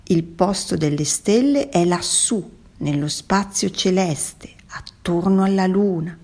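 A woman's voice: fairly low pitch, darkish tone. A woman voicing a smug, discontented squid in a children's story, haughty and mocking. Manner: haughty, drawn-out mocking tones.

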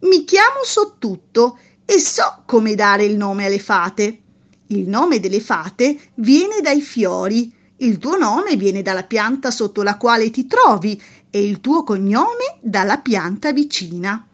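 A woman voicing a wise, kindly male gnome who calmly explains things with assurance. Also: a little high, takes it slowly, heavily acted. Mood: assured.

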